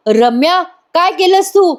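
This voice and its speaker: A woman's voice: very high voice, animated, a little slow, voice pushed up. A worried young man calls out urgently and presses for answers, as a woman narrator voices him. He sounds protective and on edge. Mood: anxious.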